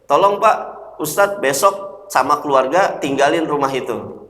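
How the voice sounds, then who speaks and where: A man voicing an assertive man who phones to claim a house, speaking slowly and firmly, in an echoey prayer hall. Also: a little high, a bit bright, close to an everyday voice. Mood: insistent.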